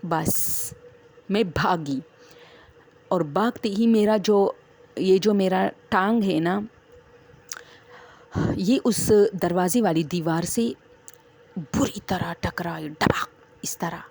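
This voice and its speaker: Gravelly-voiced woman telling a spooky story. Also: fairly low pitch, long pauses, a little mellow. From Swat, Pakistan. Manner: chatty, addresses listeners as friends, digresses. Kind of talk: casual first-person horror storytelling.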